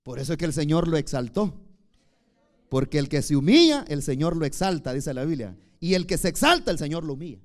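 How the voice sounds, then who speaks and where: A man preaching a sermon, emphatic, swinging between loud declarations and soft asides. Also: on the high side, lively intonation, brisk.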